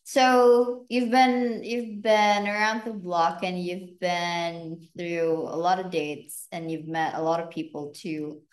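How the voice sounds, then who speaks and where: A woman hosting a podcast in casual chat, thinking aloud with relaxed fillers. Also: on the low side, takes it slowly, few pauses. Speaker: podcast host. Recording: echoey room.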